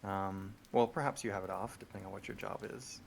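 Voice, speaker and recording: Gravelly man game-mastering over voice chat. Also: on the low side, brisk, a little hiss or hum. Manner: relaxed, rambling, with many ums. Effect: group voice chat. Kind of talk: running a tabletop horror game.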